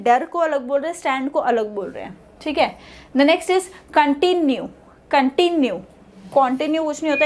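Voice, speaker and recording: A woman teaching pronunciation, repeating each word slowly and explaining in Hindi. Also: high-pitched. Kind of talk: online language lesson.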